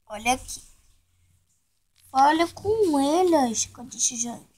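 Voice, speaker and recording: A young woman, filming her dog on her phone at home. She coos and pleads in a high, unhurried baby-talk voice. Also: expressive, dark tone. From Brazil. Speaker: vlogger. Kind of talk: casual vlog, coaxing her pet.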